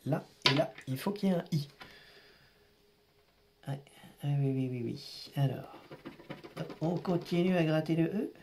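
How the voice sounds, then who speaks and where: A man's voice: on the high side, measured pace, pauses often, darkish tone, slight background noise. A man giving casual running commentary while scratching lottery tickets, grumbling and exasperated, muttering to himself.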